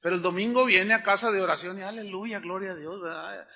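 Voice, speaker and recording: A man delivers a lively sermon in a high, very bright voice. He acts out little everyday scenes and swings between loud, emphatic lines and quiet, low asides. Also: brisk. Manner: animated preaching, acts out little dialogues, swings from loud to hushed. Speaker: pastor.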